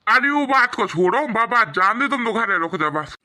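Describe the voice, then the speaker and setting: A woman's voice: a little high, lively intonation, normal speed, bright, forceful tone. A woman voicing a stubborn, teasing old village father-in-law in a cartoon comedy, bickering with his wife. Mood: pleading. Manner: mocking and bickering, later pleading.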